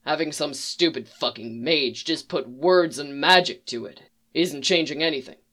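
A reader doing a low, terse weary monster hunter. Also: moderate pace, pushed and bright, lightly acted. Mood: resolute. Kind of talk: reading a fan story aloud.

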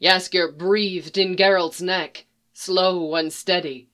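Slow, even storyteller reading fiction aloud. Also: mid-range voice, clean tone. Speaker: narrator.

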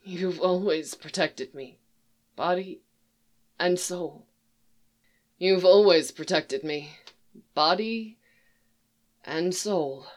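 A reader voicing a fragile young male bard who speaks softly and hushed, with a wobbling voice, in a read-aloud fan story. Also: mid-range voice, drawn-out words, long pauses. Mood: tender.

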